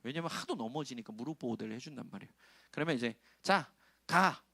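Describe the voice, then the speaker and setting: A man's voice: mid-range voice, racing, creaky, breathy edge, no echo. A middle-aged man preaching to young adults, conversational, often questioning the congregation and acting out quoted lines. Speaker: pastor.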